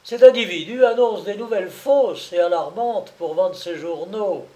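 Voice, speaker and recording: A man voicing a big, irascible gentleman who blusters and bullies. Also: high voice, normal speed, reverberant, far from the mic, pitched above the performer's own voice, lightly acted. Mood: accusing. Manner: blustering, bullying. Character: big burly irascible gentleman, brutal and triumphant.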